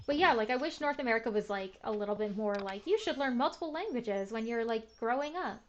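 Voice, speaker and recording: A young Canadian woman hosting a gaming video chats casually while playing a farming game, rambling, using lots of fillers, and poking fun at herself. Her voice is a little high and brisk, with lively intonation and a slight hiss or hum. The recording sounds slightly muffled, with faint game music behind her.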